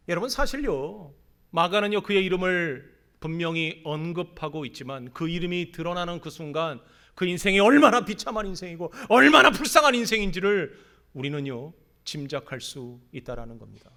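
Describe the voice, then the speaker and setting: A man's voice: on the high side, bright, forceful tone. A male pastor preaching a sermon, telling the story dramatically and asking the congregation rhetorical questions.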